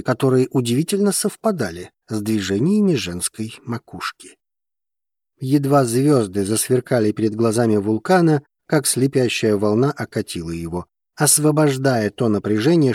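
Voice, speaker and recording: A man narrating an audiobook in a measured, even reading manner. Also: medium pitch, no room sound, clean studio sound.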